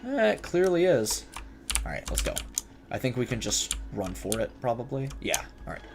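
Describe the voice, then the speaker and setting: A man's voice: medium pitch, sing-song, moderate pace. A man giving casual, jokey commentary as he streams a horror game, nervous about scares and talking back to the characters. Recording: clear background noise, keyboard clicks and typing.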